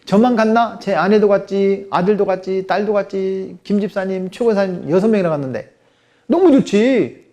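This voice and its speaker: A man's voice: high voice, steady tone, brisk, darkish tone. A man in his forties, a guest pastor preaching at a church seminar, who tells stories, acts out dialogues and has the congregation repeat phrases. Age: 40s. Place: church sanctuary.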